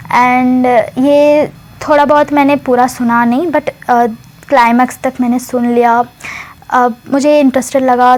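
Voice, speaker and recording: A woman's voice: a little high, darkish tone. A young woman casually retelling a love story, chatty, mixing English words into her talk and laughing often.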